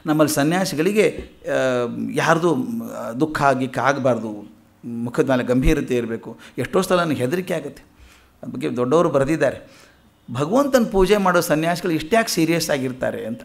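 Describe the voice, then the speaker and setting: A man's voice: on the high side, vocal fry. A man with a Kannada accent giving a public lecture, telling stories and acting out the quoted speech of the people in them. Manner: animated storyteller, acts out quoted speech. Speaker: public speaker. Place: lecture hall.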